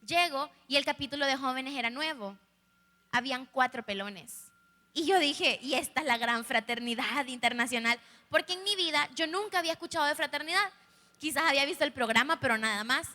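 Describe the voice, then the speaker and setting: A woman's voice: sits high, brisk, pushed and bright. A young woman with a Salvadoran accent giving a candid, humorous personal testimony that speaks directly to a live audience. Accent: Salvadoran Spanish. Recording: echoey hall, live stream.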